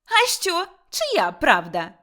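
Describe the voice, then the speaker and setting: Woman doing a shrill quarrelsome village wife. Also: wildly swooping pitch, slow pace, full character voice. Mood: shrill scolding. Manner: shouting, scolding.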